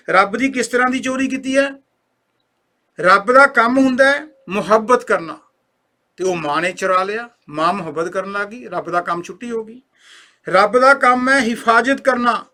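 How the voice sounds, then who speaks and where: A man's voice: very high voice, pushed and bright. A man giving an earnest talk, retelling a family story and voicing the people in it. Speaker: speaker on a talk program.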